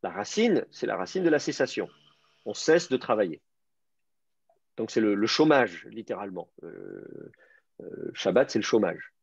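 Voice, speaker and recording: Husky male teacher, lo-fi sound. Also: lowish voice, wildly swooping pitch, normal speed, pauses often, no echo. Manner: explanatory, many fillers and restarts. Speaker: Hebrew teacher. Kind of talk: online language class. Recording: dull lo-fi sound.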